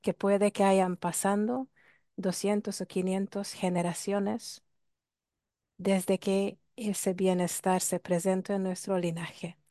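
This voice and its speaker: A workshop speaker with a Hungarian accent gives a talk on ancestral healing, explaining ideas reflectively and putting rhetorical questions to her listeners. Her medium-pitched voice is slow, level and dark in tone. The recording is dry and of studio quality.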